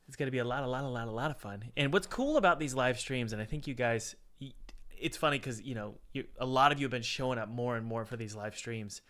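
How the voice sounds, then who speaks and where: Chatting casually on a livestream where he reviews indie games and reads an ad, this man rambles and repeats himself, his voice congested as if from a head cold. It's medium-pitched and a bit bright, recorded in a chilly home room with an open window.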